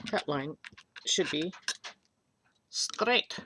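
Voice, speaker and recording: A woman's voice: low-pitched, animated, very slow, background noise. An older woman teaching a polymer clay craft on a webcam, chatty and rambling, with self-deprecating jokes along the way.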